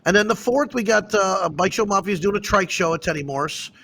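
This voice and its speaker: Chatty guy hosting a talk show, bit high voice, animated, faint hum behind. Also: fairly quick, creaky. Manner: excitable, animated storyteller. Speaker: host. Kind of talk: casual chat.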